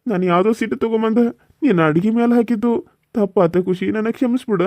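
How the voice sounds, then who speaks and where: A man's voice: high-pitched, fast, warm tone, dry recording, natural voice. A man voicing a hot-tempered young husband in a cartoon serial, pleading and apologetic, with a North Karnataka Kannada accent. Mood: remorseful. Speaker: voice actor.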